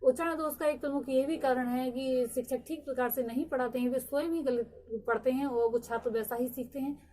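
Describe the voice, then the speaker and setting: A young adult woman teaching a lecture. She explains at a steady pace, pausing on "uh" fillers. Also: high voice. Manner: explanatory, with frequent "uh" fillers and slow stresses. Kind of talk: recorded lecture.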